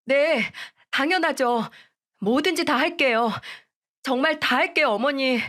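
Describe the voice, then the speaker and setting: A woman's voice: high voice, unhurried, fairly bright tone, voice pushed up. A woman voicing a desperate young daughter-in-law who begs for forgiveness in a raised, pleading voice. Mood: eager. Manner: begging, tearful pleading.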